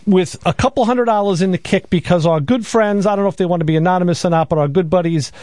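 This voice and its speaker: A man's voice: high voice, fast talker, a little mellow, no room sound. A man co-hosting a car talk radio show in a studio, chatting casually and repeating words as he goes. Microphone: studio mic.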